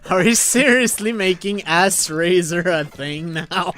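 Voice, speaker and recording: A man streaming a retro video game live, calmly narrating what he does with commentary between moves. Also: high voice. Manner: slow, laid-back narration of gameplay. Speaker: let's play streamer. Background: faint game music.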